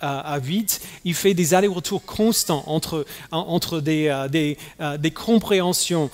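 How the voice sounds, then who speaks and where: Man, pastor, raised in the US; halting sermon delivery full of restarts; long church-hall reverb. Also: fairly high pitch. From United States. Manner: halting, many fillers and restarts.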